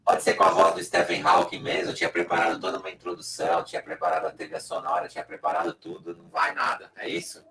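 A man's voice: low voice, monotone, fast, gravelly, hardly any pauses, crowd noise. A man speaking over a bad online call, his voice half robotic with an echo, complaining. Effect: half-robotic distorted voice with echo. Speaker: show host joining by call. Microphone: bad computer mic over an online call. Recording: glitchy, distant online call with noisy background.

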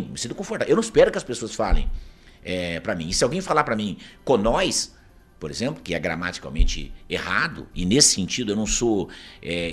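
Husky, fast-talking Brazilian man from Paraná. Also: fairly low pitch, a bit bright. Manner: emphatic, argumentative, keeps asking rhetorical "isn't it true?". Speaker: interview guest. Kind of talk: opinionated conversational commentary.

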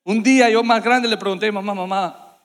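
A man preaching to a congregation, telling a childhood story in an animated way with sound effects, in a church hall. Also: high voice, fast talker. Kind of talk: sermon storytelling. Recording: long hall reverb.

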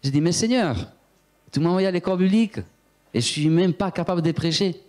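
Animated preacher man. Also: sits high, brisk. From Italy. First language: Italian. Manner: animated storyteller, acts out voices, talks to the congregation. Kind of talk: sermon with personal testimony.

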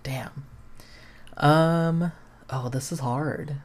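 A man's voice: on the high side, steady tone, very slow. Young man reading a game aloud, self-mocking. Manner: reads choices aloud, wry self-mocking asides, laughs. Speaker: podcast host. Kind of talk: casual playthrough of a choose-your-own-adventure game.

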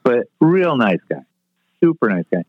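A man's voice: mid-range voice, big pitch swings, a little slow, breathy edge, no echo. A man in his sixties, a retired stage manager, telling stories in a brash, profane way. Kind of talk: casual storytelling interview. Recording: tinny phone-like line, dry.

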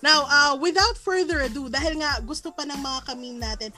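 A woman's voice: sits high, a little fast, over music. A woman with a Filipino accent, co-hosting a chat show in a bubbly way and mixing English with Tagalog. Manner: bubbly, laughs often, mixes English and Tagalog. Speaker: co-host. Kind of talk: casual talk-show chat.

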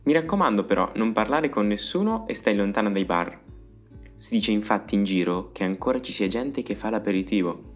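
A man's voice: lowish voice, lively intonation, brisk, faint music behind. A man voicing a fussing mother warning her daughter in a comic fairy tale. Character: bossy caring mother giving orders.

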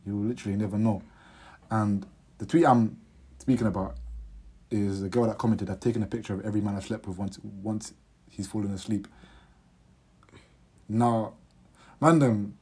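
A man's voice: fairly low pitch, little pitch movement, normal speed, pauses often, dark tone, slightly rough. A young man with a London accent hosting a podcast, chatting casually in roadman slang. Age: young adult. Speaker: podcast host. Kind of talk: casual chat.

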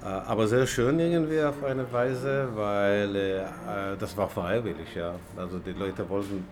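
A man from Israel, not a native German speaker, talking in a café interview with many pauses and fillers. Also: on the low side. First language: Hebrew. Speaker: animation lecturer, guest. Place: small café indoors.

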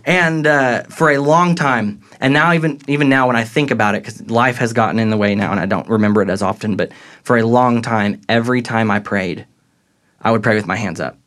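A man's voice: medium pitch, a little fast. A young man telling his faith story as a podcast guest, earnest and reflective. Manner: earnest, reflective, grows excited retelling moments. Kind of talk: faith testimony in casual conversation.

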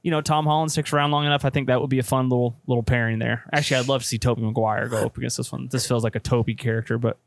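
A man's voice: mid-range voice, steady tone, racing, creaky, hardly any pauses, no room sound, clean studio sound. A man co-hosting a casual movie podcast, talking with enthusiasm and plenty of fillers. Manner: enthusiastic, chatty, many fillers. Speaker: podcast co-host.

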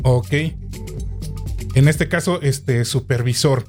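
A man's voice: medium pitch, takes it slowly, music in the background. A man hosting a casual chat, reading a job posting aloud and adding jokes. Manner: reads aloud, then jokes.

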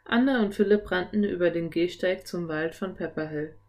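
A woman narrating a children's audiobook in a clear, even storytelling manner. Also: on the low side, normal speed.

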